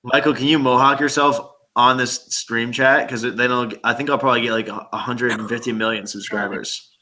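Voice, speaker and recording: A man's voice: mid-range voice, fairly even intonation, moderate pace, pushed and bright, rough recording. A young man hosting a casual live-streamed video chat, joking and laughing often. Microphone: video call.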